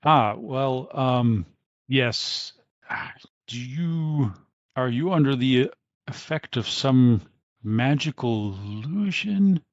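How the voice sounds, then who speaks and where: A man's voice: medium pitch, expressive, slow pace, no echo, lo-fi sound. Man doing a flustered, dignified old mage. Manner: hesitant, polite, awkward.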